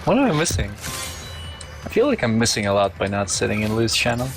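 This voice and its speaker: A man's voice: fairly low pitch, sing-song, normal speed, over music. A man chatting casually and making teasing jokes as a co-commentator. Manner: jokey, teasing. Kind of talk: casual chat.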